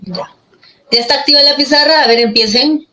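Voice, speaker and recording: A woman's voice: sits high, a little fast, pushed and bright, a little hiss or hum, poor audio. A woman teaching an online class, patient and checking often that students follow, with a Peruvian Spanish accent.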